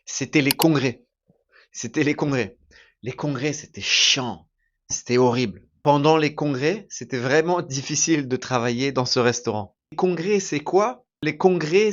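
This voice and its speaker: A man teaching through a slow, emphatic story for learners, repeating his phrases deliberately. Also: fairly high pitch, highs cut off. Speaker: French teacher.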